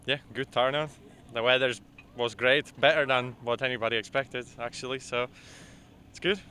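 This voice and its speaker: Bright-voiced man from Poland. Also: mid-range voice, normal speed, slight background noise. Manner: relaxed, hesitant, many "uh"s. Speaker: drift driver. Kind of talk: casual interview answers. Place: outdoors at a drift event.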